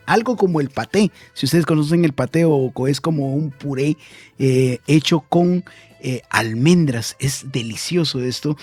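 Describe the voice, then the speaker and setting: A man's voice: a little high, a little mellow, no room sound. A man hosting a radio program in a casual, chatty way, wandering with fillers and correcting himself as he goes. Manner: chatty and meandering, many fillers and self-corrections. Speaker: radio host. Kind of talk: casual radio talk about travel.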